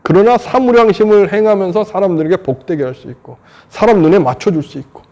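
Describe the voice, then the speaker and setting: Gravelly Buddhist monk in his fifties. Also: high voice, fast, a little mellow. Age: 50s. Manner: earnest, conversational, rhetorical questions. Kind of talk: dharma talk.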